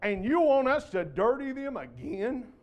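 A man's voice: very high voice, sing-song, a little mellow, muffled recording, voice pushed up, heavily acted. A man preacher voicing an exasperated, condescending grown fisherman who complains at length. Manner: indignant, drawn-out complaining.

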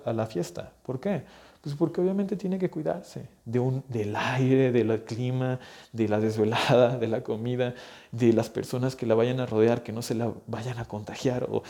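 Earnest young man, mellow voice. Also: medium pitch. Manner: earnest, urgent, addresses listener directly. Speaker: physical therapist. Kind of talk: direct-to-camera health advice.

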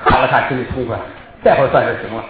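A man narrating a traditional story in a lively, animated way, on an echoey, dull recording with loud noise. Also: medium pitch, fast.

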